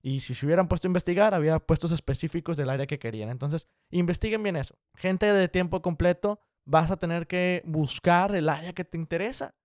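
A young man giving casual career advice straight to the viewer, direct, brisk and encouraging. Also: fairly high pitch, a little mellow, no room sound, studio quality. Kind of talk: casual explanatory talk to viewers.

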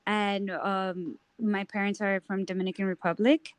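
A woman's voice: medium pitch, little pitch movement, moderate pace, no room sound. Chatty young New woman. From New York. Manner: chatty, many ums and I-means. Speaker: guest. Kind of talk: casual interview.

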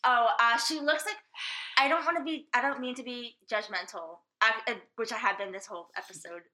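Woman, podcast co-host, animated self-interrupting chatter; bright high register. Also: a little fast. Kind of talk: casual chat.

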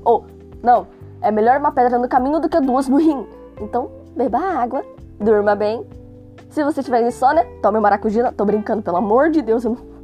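Music runs underneath as a young adult host with a Brazilian accent and a worn, sore throat reads a magazine out loud. Her fairly high voice has a dark tone and moves a little fast; her narration is casual, chatty, joking and self-deprecating, punctuated by exasperated asides.

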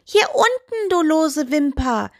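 A woman's voice: high voice, big pitch swings, unhurried, no room sound, clean studio sound, pitched above the performer's own voice, full character voice. A woman voicing a cheeky, rude little talking toe in a bedtime story, smug and full of insults.

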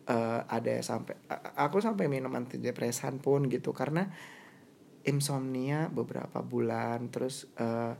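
A woman's voice: rumbling low, normal speed, creaky, darkish tone, slight background noise. A young woman talking in a casual chat, reflective and thoughtful, often slipping English phrases into her speech. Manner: reflective, mixes English into Indonesian.

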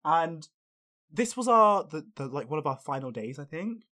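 A young man hosting a podcast, telling a story in casual chat, animated and swearing freely. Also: fairly high pitch, moderate pace. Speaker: podcast host.

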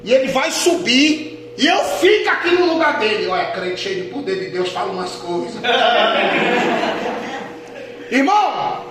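A man, a pastor, telling a testimony in a sermon, dropping to a hush and rising to shouts. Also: extremely high pitch, big pitch swings, normal speed, few pauses. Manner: dramatic storytelling, swings from hushed to shouting. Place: church hall. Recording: echoey hall with noise.

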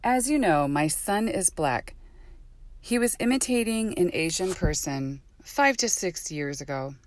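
A woman with a notably low voice talks unhurriedly about life as a mother. Her delivery is earnest and candid, and the sound is close and dry with almost no room. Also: animated, measured pace, dry recording. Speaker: mother sharing parenting stories. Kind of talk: reflective first-person narration.

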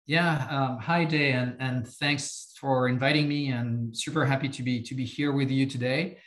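A fifty-something French CEO talks as a podcast interview guest, his French accent clear. The voice is medium-pitched, steady and fairly bright in an echoey room, and he hesitates frequently with repeated words and fillers.

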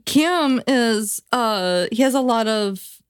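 A playful American woman chats and jokes on a podcast, with a somewhat high voice. Her reactions come quick and light. The recording is dry and close-miked. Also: animated, smooth, no echo. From United States. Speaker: podcast co-host. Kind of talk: casual podcast banter.

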